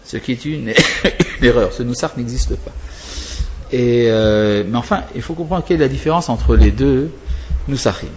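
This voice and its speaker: A man's voice: medium pitch, normal speed, dull audio, background noise. A male religious teacher explaining prayer to students, wandering off topic and answering his own questions.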